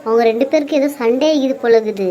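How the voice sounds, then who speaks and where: A woman voicing a sharp-tongued young daughter-in-law in a cartoon, with a Bangalore Tamil accent and a sarcastic, muttering manner. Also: a little high, fast, muffled recording, slight background noise. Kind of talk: cartoon voice acting.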